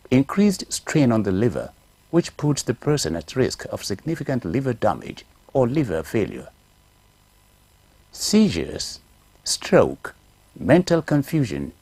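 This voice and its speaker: A man narrating a scripted documentary report in a lively, emphatic reading style. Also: lowish voice, husky, no echo.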